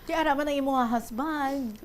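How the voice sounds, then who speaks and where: A woman's voice: sits high, normal speed. A woman radio host with a Hiligaynon accent, asking curious questions of a caller and mixing in English words. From Philippines. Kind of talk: radio call-in chat.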